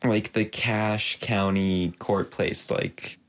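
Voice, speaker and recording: A man's voice: fairly low pitch, steady tone, takes it slowly, a bit bright. A young man, a podcast co-host telling a long story in casual chat, rambling and laughing often. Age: young adult.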